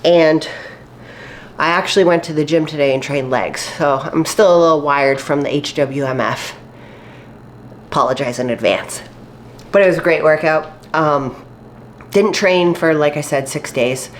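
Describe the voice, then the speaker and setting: A woman fitness vlogger with a low voice speaks unhurriedly and pauses often while cooking in her home kitchen for a casual chatty vlog. She's upbeat and uses lots of fillers, though a cold has left her slightly stuffy and nasal. Faint sizzling and slight background noise can be heard.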